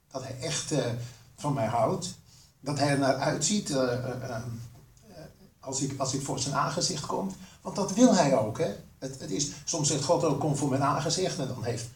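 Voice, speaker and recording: An older man giving an earnest sermon, asking the listeners questions and pausing with fillers. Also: a little high, darkish tone. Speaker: preacher. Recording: roomy hall, voice from a distance.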